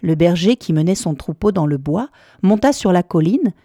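A woman narrating a fairy tale in a measured, lilting way with dramatic pauses. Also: lowish voice, expressive, warm tone, no echo, studio quality. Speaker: storyteller. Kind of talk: storybook narration.

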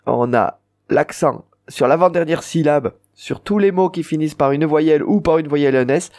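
A man's voice: medium pitch, darkish tone. A man with a southern French accent, teaching an Occitan lesson and explaining pronunciation rules with spoken examples. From southern France. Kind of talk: radio language lesson.

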